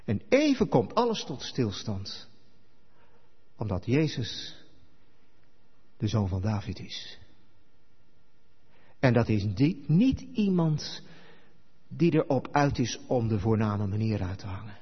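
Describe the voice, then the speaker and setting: Male pastor, husky tone, lively sermon, dull recording with long church reverb. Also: lowish voice, slow pace, pauses often. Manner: animated storytelling, acting out quoted dialogue. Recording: echoey hall, dull lo-fi sound.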